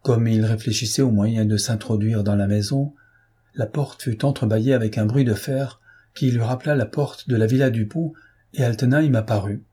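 A man narrating a novel in a measured, expressive storytelling manner. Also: medium pitch, breathy edge. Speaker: audiobook narrator.

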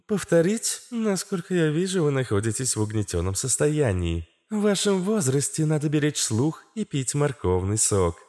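Man doing an even-toned female AI voice. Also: on the high side, normal speed, hardly any pauses, pitched above the performer's own voice. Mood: chirpy. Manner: level, chirpy machine politeness. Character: calm female AI system voice.

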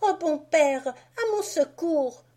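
A woman voicing a tender little girl in a storybook, crying out in a high voice. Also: expressive, takes it slowly, mellow. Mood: pleading.

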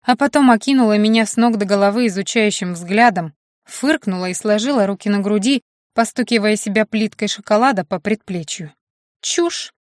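Woman reading an audiobook, even storytelling, dry close mic. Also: mid-range voice, brisk, no echo. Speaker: audiobook narrator. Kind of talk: scripted audiobook narration.

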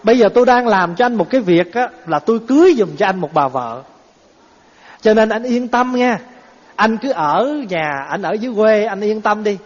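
A man voicing a smooth-talking swindler friend. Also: high-pitched, expressive, normal speed. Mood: coaxing. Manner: coaxing, reassuring. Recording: dull echoey hall recording.

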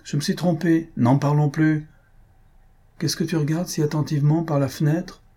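A man reading aloud, voicing an elderly mother who chides her son in a husky, dark voice. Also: on the high side, steady tone, moderate pace, voice pushed up, natural voice. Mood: reproachful. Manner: wry, chiding. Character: elderly dowager mother, worried, reproachful.

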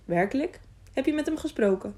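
A woman's voice: high voice, brisk, voice pushed up. A woman voicing an eager, curious young mountain boy who asks question after question in a storybook reading. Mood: chatty. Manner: lively, eager, sometimes whispering excitedly.

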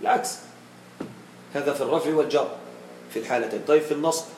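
A man teaching a grammar lesson to a class, checking with his students and slowing down to model each example. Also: mid-range voice, a little mellow, roomy sound, slight background noise, poor audio.

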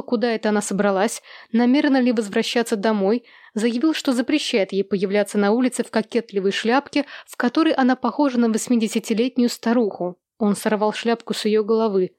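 A woman narrating a literary novel as an audiobook, in a steady, even storytelling manner. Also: fairly high pitch, no echo, studio quality.

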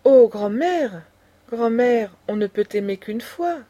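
A naive young girl, shocked and earnest, pleading with her elder, as a woman reads her. The tone stays mellow and soft-edged. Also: on the high side, lively intonation, takes it slowly.

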